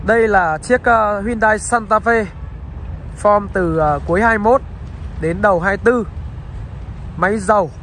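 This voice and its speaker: This man has a high, slightly bright voice and talks a little slowly, pausing often, with slight background noise. In a dealer's courteous patter aimed at viewers, he walks around a used car for sale, both outside it and inside, on a roadside.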